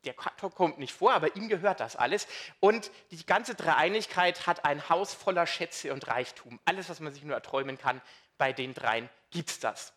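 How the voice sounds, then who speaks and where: Bright-voiced male preacher. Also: on the high side, moderate pace. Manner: lively, conversational, asks the congregation questions. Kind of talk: sermon.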